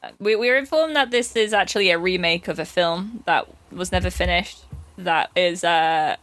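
A woman's voice: fairly low pitch, moderate pace, a bit bright. A woman co-hosting a podcast, chatting casually about a film with frequent fillers and easy laughter. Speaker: podcast co-host.

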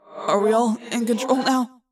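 A woman voicing a calm teenage boy who leads the group. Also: a little high, measured pace, background noise, pitched above the performer's own voice, lightly acted. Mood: focused. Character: steady teenage boy leader.

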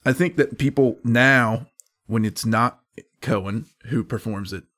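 A man's voice: mid-range voice, a little slow, fairly bright tone. A man in casual conversation about music, laying out his opinions at length.

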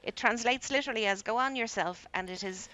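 A woman's voice: on the high side, brisk, bright, forceful tone, dull audio. A woman co-host chatting casually and reading listener messages aloud.

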